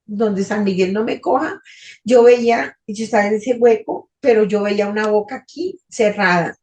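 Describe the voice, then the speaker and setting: A woman's voice: mid-range voice, normal speed, darkish tone, slightly rough. A woman giving an intense, emotional religious testimony as a guest speaker. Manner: emotional, intense, tearful at times.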